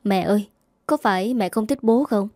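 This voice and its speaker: A woman's voice: mid-range voice, moderate pace, darkish tone, no room sound, studio quality, close to an everyday voice. A woman voicing a hurt, sulky young boy in a spoken story, pleading and accusing.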